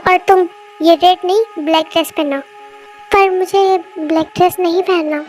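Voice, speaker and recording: A woman's voice: very high voice, steady tone, normal speed, darkish tone, soft background music. A woman voicing a cold, harsh young husband in a fan audio story, speaking with scorn and giving orders. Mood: bossy. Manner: scornful, commanding.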